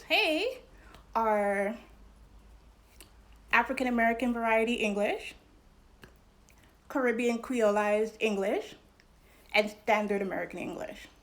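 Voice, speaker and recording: A young adult woman from New York, hosting a casual educational talk to camera in an animated, chatty way with fillers. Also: on the high side. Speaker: channel host.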